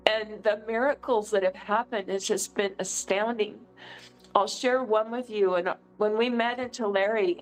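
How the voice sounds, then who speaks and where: A middle-aged woman from California giving an earnest, emotional testimony as an interview guest, telling stories with lively feeling. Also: mid-range voice, low-quality recording. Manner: emotional, earnest, animated storyteller. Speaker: political candidate, guest.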